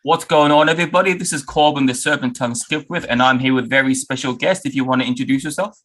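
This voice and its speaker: A man hosting a podcast in casual, unscripted talk, halting and rephrasing as he goes. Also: medium pitch, fairly bright tone. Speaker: podcast host.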